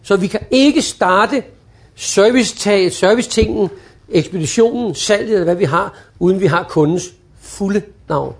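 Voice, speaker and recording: Male trainer, high voice with gravel, acts out phone calls for a class. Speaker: customer service trainer. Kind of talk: lively training talk.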